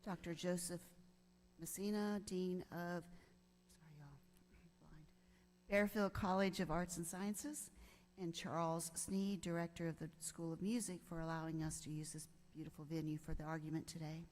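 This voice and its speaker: A woman's voice: on the low side, fairly even intonation, normal speed, darkish tone. A woman with a Southern US accent, presiding as a judge and speaking in an informal but official welcoming style. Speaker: presiding chief justice. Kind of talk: informal welcome and thanks at a formal event. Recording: faint background noise.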